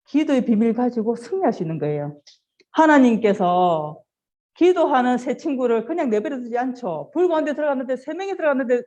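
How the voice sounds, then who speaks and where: A woman giving an animated children's sermon, telling stories, asking the children questions and acting out quoted lines. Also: on the high side. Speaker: children's ministry preacher.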